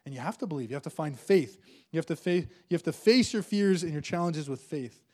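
A man's voice: a little high, lively intonation, brisk, darkish tone. A male preacher delivering a sermon and leading the congregation in prayer, with fervent call-and-response and lines repeated for the room to echo.

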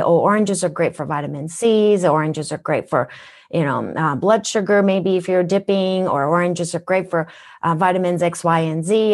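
She speaks on the low side, with a somewhat mellow tone, as a wellness guest in a podcast interview. Originally from Japan and speaking with a Minnesotan accent, she is earnest and teacherly and asks rhetorical questions.

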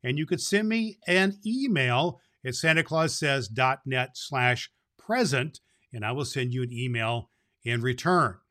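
A man hosts a kids' storytelling show as Santa Claus, warmly repeating words to stress them. He sounds animated and a little bright, with a mid-range pitch and measured pace.

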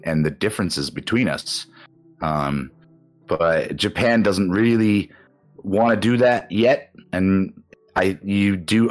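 A deep-voiced man talks things through on a podcast. He speaks in a halting, reflective way with frequent restarts, and faint music plays behind him. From Canada. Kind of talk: casual chat.

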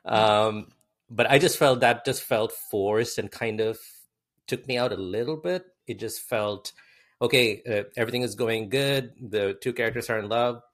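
A man's voice: medium pitch, normal speed. A man talking casually in a film discussion, explaining his view and quoting dialogue in his own voice.

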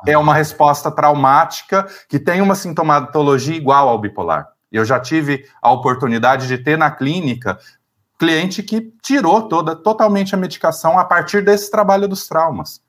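Um homem terapeuta com sotaque brasileiro, explicando conceitos com calma numa entrevista, com algumas hesitações. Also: male voice, on the high side, normal speed. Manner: calm, explanatory, with hesitations. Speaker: therapist, psychodrama guest. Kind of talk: explanatory interview talk.

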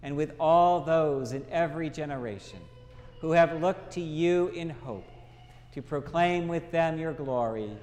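A man leading a church liturgy as priest, reciting prayer in a measured, reverent way with pauses between short phrases, in cathedral-like echo. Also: on the high side, darkish tone, faint music behind. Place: large reverberant church, indoors.

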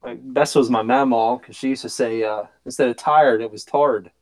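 A man's voice: medium pitch, brisk, a little mellow. An older man with a Kentucky accent, a guest on a casual podcast chat, talking in a dry, easygoing and laconic way.

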